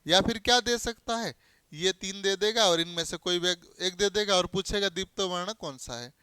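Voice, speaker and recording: A man's voice: sits high, normal speed, sharp tone, clean tone, no room sound, studio quality. A man teaching a Hindi grammar lesson to a class. He asks questions and answers them himself, repeating key terms and spelling out letters as examples. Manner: explains by spelling out letters and giving everyday examples.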